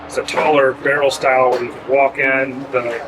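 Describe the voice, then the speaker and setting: A man who grew up with pottery, explaining in a relaxed, easygoing way and laughing easily. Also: mid-range voice, moderate pace, noisy background. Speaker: potter and kiln site host. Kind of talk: casual interview. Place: outdoors at a kiln festival. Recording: outdoor festival with crowd behind.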